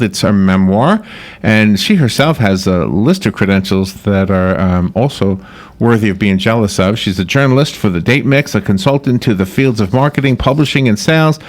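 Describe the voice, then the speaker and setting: A man's voice: on the low side, animated, a little fast. A man with a Long Island accent hosting a casual radio talk show, rambling and chatty, often checking for agreement. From Long Island, New York, USA.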